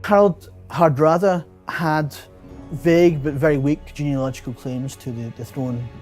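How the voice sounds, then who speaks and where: A man giving unscripted expert commentary in a documentary interview, with halting, hesitant phrasing. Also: fairly high pitch, fairly even intonation, a little mellow, faint music behind.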